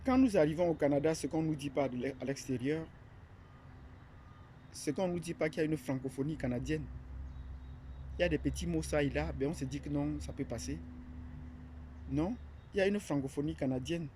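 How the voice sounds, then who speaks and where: Presenting his platform in a hesitant unscripted monologue, a man from Cameroon, an academic, often stops, reaches for fillers and starts sentences over. His voice is mellow, fairly dark and fairly high in pitch. A faint hiss runs under the audio.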